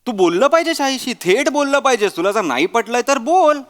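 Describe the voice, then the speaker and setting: A man with a high, bright voice plays a fed-up husband caught between his wife and his mother. He pleads and complains and sometimes bursts into shouts. The sound has a long stage reverb with faint music behind. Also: very animated, fairly quick. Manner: exasperated, pleading, rising to shouts. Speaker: husband in a comedy sketch. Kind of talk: stage comedy sketch acting.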